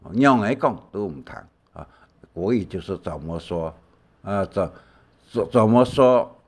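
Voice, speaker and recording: An older man giving a slow language lesson, drawing out his explanations with many fillers. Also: medium pitch. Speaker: teacher.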